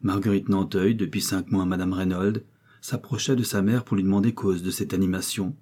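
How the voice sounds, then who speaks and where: A man narrating a classic novel as an audiobook in a measured, even way. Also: low-pitched.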